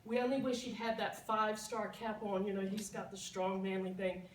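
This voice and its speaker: A woman telling a lively, laughing story as a party guest giving a toast. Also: medium pitch, moderate pace, a little hiss or hum. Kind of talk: storytelling speech. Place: party room. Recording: echoey room, distant mic.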